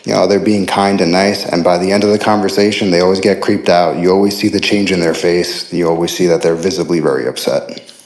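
A man calling in as an anonymous source with his voice run through a deep disguise filter, telling his account in a steady, matter-of-fact way over an online call. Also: a little fast, echoey room. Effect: voice disguise filter making the voice deep. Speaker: caller, anonymous insider source. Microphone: online audio call.

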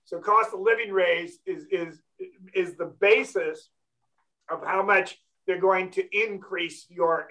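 High-pitched guy hosting a money talk show, blunt, keeps saying okay. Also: pushed and bright, low-quality recording. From California. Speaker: financial talk show host. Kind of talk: casual talk show chat.

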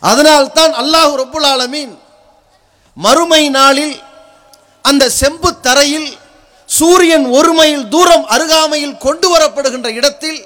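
High-pitched man preaching in thunderous oratory. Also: a little slow. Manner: forceful, declamatory, rhetorical build-up in short phrases.

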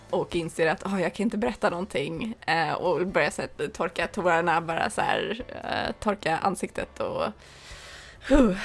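A woman's voice: lowish voice, creaky. A woman playing her character in a tabletop role-playing game, chatty and giggly. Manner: chatty, giggly, drops to a whisper for in-character secrets. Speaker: player.

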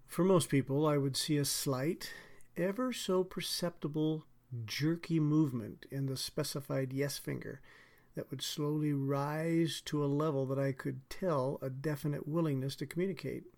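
A man speaking as a hypnotherapist on a podcast, measured and soothing in his delivery. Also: fairly high pitch, fairly even intonation, darkish tone. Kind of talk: guided hypnotic relaxation and explanation.

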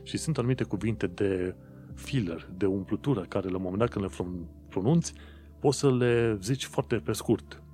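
A man's voice: lowish voice, dark tone, soft background music. A man talking casually to his viewers and explaining things in an informal, chatty way with frequent fillers and restarts. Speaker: vlogger.

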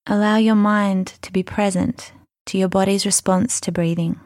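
A woman leading a guided mindfulness meditation, speaking softly and soothingly, unhurried and gentle, with breathy phrase endings. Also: mid-range voice, steady tone, dry recording, studio quality. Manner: soothing, unhurried, gentle instruction with long pauses.

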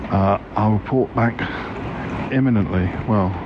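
A man's voice: fairly low pitch, a little slow. A man in his forties giving a casual, hesitant, rambling audio diary as a podcast host. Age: 40s. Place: out and about at a station and on a train. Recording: muffled field recording, loud transport noise. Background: loud station and train noise.

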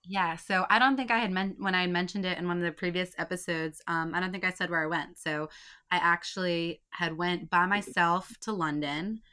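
Young woman, lower voice, casual chat. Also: fairly even intonation, pushed and bright, clear, resonant tone. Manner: reacts with quick interjections, then tells her own story. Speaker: podcast co-host.

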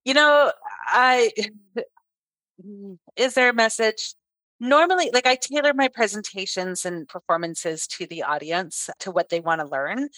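A middle-aged woman from Canada, a throat singer chatting as a guest in an interview, lively and quick to laugh. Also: mid-range voice, no echo. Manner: lively storyteller, laughs often. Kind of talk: casual interview chat.

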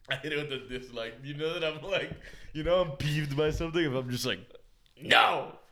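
A man's voice: on the high side, a little fast, sharp tone, slight background noise. A young man co-hosting a podcast, chatting casually with loose, profane, laughing banter and acted-out quotes. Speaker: podcast co-host. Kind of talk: casual chat.

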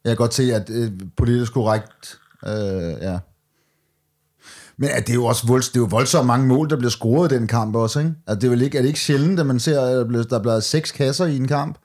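A man's voice: mid-range voice, darkish tone. A man co-hosting a podcast in casual, colloquial chat, with some mild swearing. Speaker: podcast co-host. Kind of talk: casual chat, football watch-along commentary.

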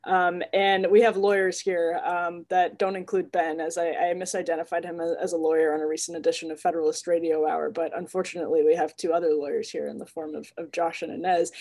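A woman with a somewhat low voice co-hosts a podcast panel. She talks in a casual, thinking-aloud way and often restarts her phrases mid-sentence. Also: dark tone. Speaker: podcast co-host.

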